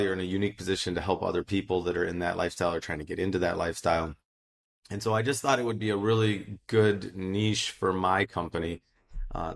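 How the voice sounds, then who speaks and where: A middle-aged American man, a financial advisor, giving steady, explanatory answers in a casual interview. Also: low voice, gravelly. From United States.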